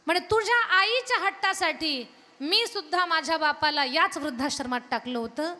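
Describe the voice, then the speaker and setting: Woman doing a grieving old father, low and tearful. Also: pushed and bright. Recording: long hall reverb from a PA.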